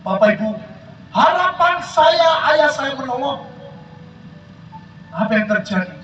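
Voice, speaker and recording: A man's voice: very high-pitched, a bit bright, dull audio, a little hiss or hum. An older man giving a dramatic testimony sermon, telling his story straight to the crowd at an outdoor field event. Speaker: preacher. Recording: echoey PA sound from far off.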